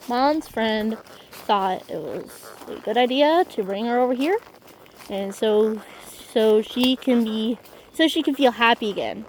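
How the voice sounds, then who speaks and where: A young woman vlogging outdoors while riding a horse, telling an emotional story in a halting way with many restarts. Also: on the high side, a little hiss or hum, rough recording.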